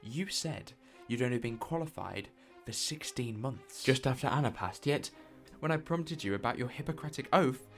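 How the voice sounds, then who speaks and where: The Doctor, an eccentric time-travelling sleuth, as a man plays him in a fan audio drama. He talks in a chatty, whimsical way at a middling pitch, with faint music behind him. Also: expressive, normal speed, few pauses, natural voice.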